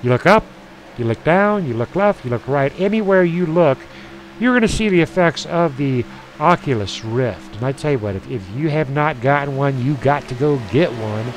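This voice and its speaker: A man's voice: medium pitch, expressive, moderate pace, soft background music, low-quality recording. Chatty man calling a sim truck race. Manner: folksy, chatty asides between race calls. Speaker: sim racing announcer. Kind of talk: play-by-play race commentary.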